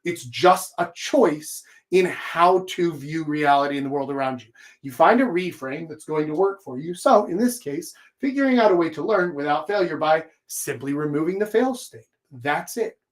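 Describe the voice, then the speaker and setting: A man hosting an informal live coaching talk, speaking emphatically and often checking in with a quick question tag. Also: on the high side, animated. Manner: emphatic, checks in with "right?", casual swearing. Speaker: host, dating and life coach.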